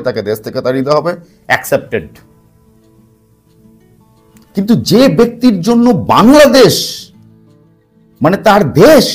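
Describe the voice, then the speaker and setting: A man's voice: a little high, darkish tone. A man giving a spoken commentary to camera, emphatic, with rhetorical questions, repeated phrases and English words mixed in. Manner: mixes English words into speech. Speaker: spiritual talk host.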